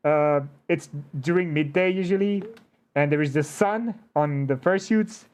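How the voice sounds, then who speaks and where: A man with a slightly high voice hosts a casual interview. He talks in an animated, conversational way, often hesitating and rephrasing as he searches for the wording. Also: measured pace, clear, resonant tone. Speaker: interview show host.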